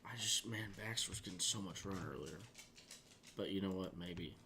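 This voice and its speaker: A man's voice: low-pitched, normal speed, vocal fry, slight background noise. Rambling man livestreaming. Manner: rambling and excitable, with laughs and restarts. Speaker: livestream host. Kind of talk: casual livestream chat.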